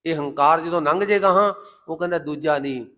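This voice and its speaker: A man delivers a fervent Sikh sermon in a fairly high voice. He slows down to intone scripture lines. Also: bright, forceful tone. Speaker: Sikh preacher. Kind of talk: Gurbani sermon with sung scripture quotes.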